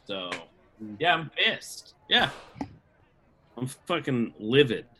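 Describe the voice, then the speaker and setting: A man's voice: medium pitch, sing-song, slow, sharp tone, slight background noise. A man improvising at a mock press conference, ranting and swearing in a jokey way. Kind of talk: improv comedy.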